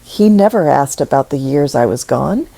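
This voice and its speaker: A woman narrating a scripted story in a slow, measured, softly emotional way. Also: a bass voice, animated, gravelly, dry recording, low-quality recording.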